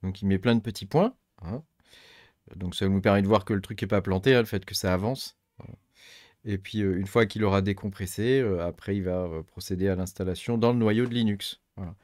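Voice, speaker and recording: Tech channel host, middle-aged man, low voice, dry close recording, rambling think-aloud delivery full of fillers. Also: fairly quick, darkish tone, no echo. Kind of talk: casual screen-recorded tutorial.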